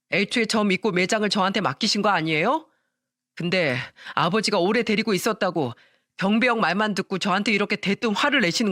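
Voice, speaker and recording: A woman's voice: medium pitch, fairly bright tone, no echo. Woman playing sulky young husband, defensive, argues back, dry sound. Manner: defensive, pleading then arguing.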